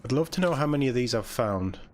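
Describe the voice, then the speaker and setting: A young man live-streaming a video game, chatting excitably with viewers and reacting as he plays. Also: medium pitch, fast talker. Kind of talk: casual live-stream chat.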